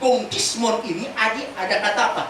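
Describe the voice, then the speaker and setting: A woman pastor preaching a sermon, lively and chatty, asking the congregation questions as she teaches. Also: on the high side, fairly quick, crowd noise. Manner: casual spoken Indonesian mixed with scripture teaching. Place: large church hall. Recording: very echoey church hall from far off.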